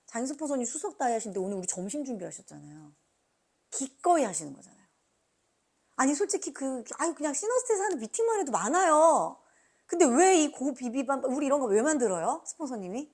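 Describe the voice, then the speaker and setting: Female seminar trainer: urging motivational delivery, highly animated swings in pitch, punchy questions to the audience. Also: brisk. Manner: emphatic, urging, asks the listeners frequent rhetorical questions; acts out quoted remarks. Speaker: motivational speaker training business team members. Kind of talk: motivational business seminar talk.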